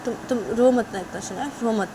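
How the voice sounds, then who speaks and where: A woman's voice: fairly high pitch, a little fast, noisy background, lightly acted. A woman voicing a stern mother figure who coaxes and scolds, repeating the girl's name again and again. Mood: coaxing. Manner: repeats the name, coaxing and firm.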